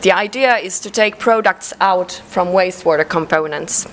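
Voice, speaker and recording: A woman with a Finnish accent presents at a conference in a measured way, pausing often on fillers. Her voice sits a little low for a woman. A faint ambient hiss is heard behind her. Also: fairly bright tone, poor audio. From Finland. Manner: measured, with frequent hesitations and fillers. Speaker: conference speaker. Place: conference hall.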